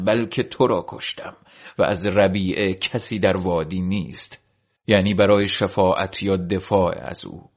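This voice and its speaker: Male narrator, very low voice, solemn measured historical reading, dull lo-fi sound. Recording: dull lo-fi recording.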